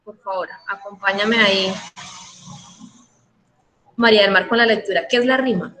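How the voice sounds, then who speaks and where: A woman teacher giving an online class. She speaks affectionately, keeps checking in with her students and spells word endings out slowly. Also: mid-range voice, fairly even intonation, bright, forceful tone, a little hiss or hum, poor audio.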